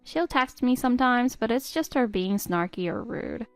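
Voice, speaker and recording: A woman voicing a patient, hurt middle-aged stepmother who pleads gently with her stepdaughter. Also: on the high side, animated, moderate pace, no echo, soft background music. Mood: confiding. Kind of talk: text-story voice acting.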